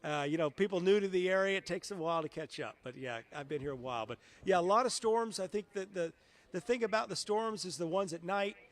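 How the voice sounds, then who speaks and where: With a high voice and quick pace, the middle-aged television meteorologist chats casually in an interview, telling anecdotes conversationally.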